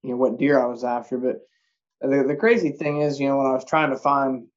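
A man's voice: mid-range voice, little pitch movement, brisk. A man, casually telling a rambling hunting story in folksy phrasing. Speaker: deer hunter. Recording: dull lo-fi audio.

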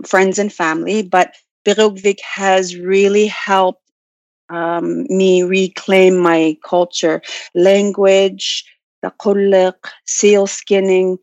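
A woman's voice: lowish voice, a little mellow. A woman from Arctic Canada, giving reflective interview answers in a hesitant way, searching for words. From Nunavut, Arctic Canada. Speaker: interview guest, Inuit language learner and business owner. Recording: dull, roomy, lo-fi call audio.

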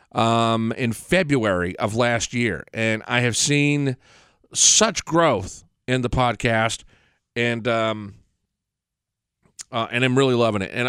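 A man's voice: mid-range voice, a bit bright, smooth, no echo, studio quality. A man talking off the cuff as a solo podcast host, blunt and opinionated, with casual swearing.

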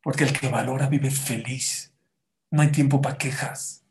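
A man's voice: medium pitch, steady tone, measured pace, roomy sound, a little hiss or hum. Man, fervent storytelling sermon, pleading, acts out voices. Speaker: rabbi giving a talk. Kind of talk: emotional religious storytelling sermon.

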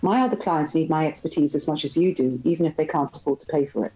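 A dry, forthright young barrister who refuses to be charmed, voiced by a woman reading a novel aloud. The delivery is firm and low, with a mellow, dark tone over faint music. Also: fast talker, natural voice, rough recording.

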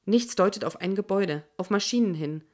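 A woman reading a first-person audiobook in a measured, tense manner. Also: mid-range voice, a little mellow. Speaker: audiobook narrator. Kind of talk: first-person scripted narration.

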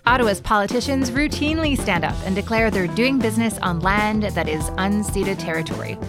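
A woman's voice: medium pitch, expressive, brisk, music in the background. Woman hosting a politics podcast. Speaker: podcast host. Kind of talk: scripted podcast narration and interviewing.

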